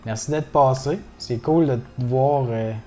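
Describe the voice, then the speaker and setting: Québécois male streamer, mellow low voice, loose casual chatter peppered with curses, addresses chat directly. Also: unhurried, a little hiss or hum. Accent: Québécois French. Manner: swears often, chatty, greets viewers in chat. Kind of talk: casual gaming livestream chat.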